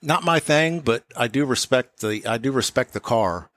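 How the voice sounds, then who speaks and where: Interviewed about car work, a shop owner explains it casually and matter-of-factly, pausing and restarting as he goes. His mid-range voice is animated and a bit bright, with no echo.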